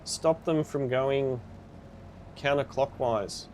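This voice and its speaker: A man's voice: medium pitch, slow, a little mellow, a little hiss or hum. A man streaming a game live, chatting casually with viewers and reacting with upbeat exclamations.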